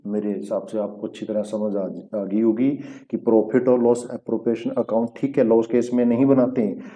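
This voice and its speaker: A man's voice: fairly low pitch, mellow, muffled recording. A man teaching an accountancy lesson, explaining rules step by step, asking checking questions and mixing English terms into his talk. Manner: mixes English terms into Hindi speech. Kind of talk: recorded classroom lesson.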